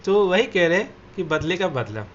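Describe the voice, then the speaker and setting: A man's voice: sits high, sing-song, moderate pace. A man teacher reads a textbook passage aloud, then explains it line by line and glosses the harder words. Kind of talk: reading and explaining a textbook lesson. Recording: dull lo-fi audio with faint noise.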